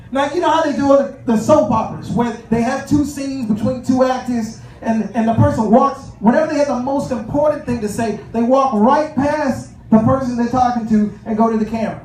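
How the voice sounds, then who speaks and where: A man performing a stand-up comedy set in a club, telling stories with lots of "uh" pauses and acting out both sides of conversations. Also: very high-pitched, darkish tone. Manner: conversational storytelling with filler pauses, acts out both sides of dialogues. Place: comedy club stage with audience laughter. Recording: echoey room, from a distance, noisy.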